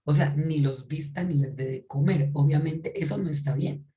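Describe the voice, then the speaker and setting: A woman's voice: low-pitched, moderate pace, mellow. A woman giving an informal Bible teaching. She talks conversationally, often checks in with her listeners and repeats or restarts phrases as she explains.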